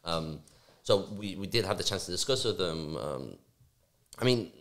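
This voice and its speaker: A young man from Spain, a youth forum board member, answering interview questions in a studio, fast and animated with many restarts. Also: deep voice. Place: small office studio. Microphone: podcast mic on stand, headphones.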